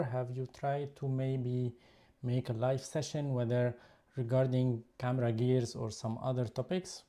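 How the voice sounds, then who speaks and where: Showing his camera gear on a relaxed live stream, a YouTube photography host from Lebanon chats away in a Lebanese accent; Lebanese Arabic is his first language. His voice is medium in pitch and warm in tone.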